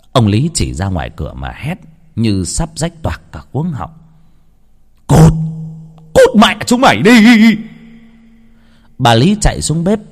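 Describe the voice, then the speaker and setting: A man's voice: fairly low pitch, a little mellow. A man telling a ghost story in a dramatic, theatrical reading style. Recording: long hall reverb.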